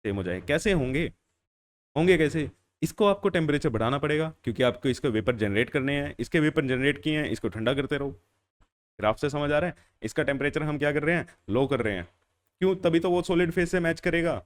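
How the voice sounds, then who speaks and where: A man's voice: a little high, expressive, a little fast. A young adult man teaching chemistry in a classroom lecture. He asks questions and answers them himself, repeating key phrases and calling the students "beta". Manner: calls students "beta" and "bhaiya".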